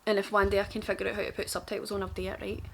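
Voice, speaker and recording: A woman's voice: medium pitch, flat delivery, racing, vocal fry, a bit bright, slight background noise. A young woman with a broad, strong Glaswegian Scottish accent, chatting casually and self-deprecatingly to camera in an informal, rambling makeup tutorial. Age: young adult. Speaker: beauty vlogger.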